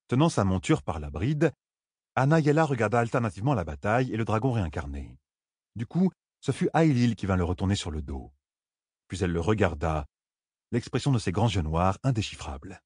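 A man reading a fantasy audiobook aloud with measured, dramatic delivery. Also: on the low side, a little mellow, husky, dry recording, studio quality. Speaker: audiobook narrator.

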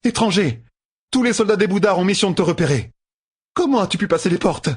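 A man plays a shrill, alarmed tavern woman from a fantasy audiobook, pitched far above his own low voice. Her speech comes out urgent and fast, in a husky tone. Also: animated. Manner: high, urgent exclaiming.

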